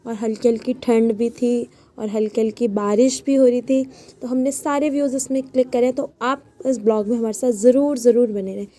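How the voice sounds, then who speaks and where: A young woman talks through a family road trip in a chatty vlog voice that is a little high and mellow. She keeps coming back to the same easy phrases, narrating stop after stop for her viewers. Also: fairly even intonation, normal speed. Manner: chatty, repeats phrases like "so finally". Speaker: vlogger. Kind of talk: casual travel vlog narration.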